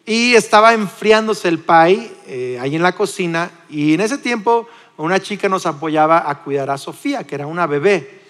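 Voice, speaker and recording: A man in his forties with a Mexican accent, preaching a sermon in a lively, conversational way with frequent restarts. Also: high voice, moderate pace, long reverb tail. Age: 40s. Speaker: pastor. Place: church.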